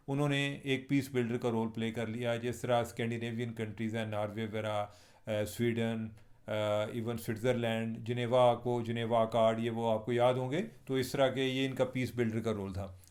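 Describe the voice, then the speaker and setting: Wry Pakistani man talking to viewers. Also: mid-range voice. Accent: Pakistani Urdu with Punjabi touches. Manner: chatty, wry, addresses viewers directly. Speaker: journalist hosting his own channel. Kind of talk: casual spoken commentary vlog.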